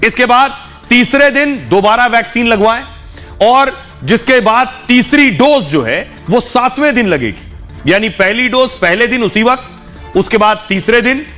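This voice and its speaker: A man presenting a news segment, explaining clearly and speaking straight to the viewers. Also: very high voice, sharp tone. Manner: clear explanatory delivery, addresses viewers directly. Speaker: news anchor.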